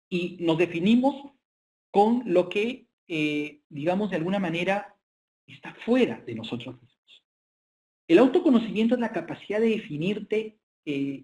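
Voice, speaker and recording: Man, fairly high voice, business lecturer, halting speech, frequent "eh" fillers. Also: very animated, a little mellow. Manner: hesitant, frequent filler sounds. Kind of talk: online business lecture with slides.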